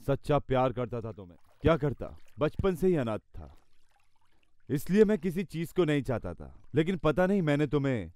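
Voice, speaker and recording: A man's voice: on the high side, big pitch swings, normal speed, mellow, no room sound, studio quality. A man acting in a dubbed film as a vengeful, self-assured mimicry artist who taunts and speaks bitterly of love. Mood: bitter, wounded. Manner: menacing, self-assured, theatrical monologue.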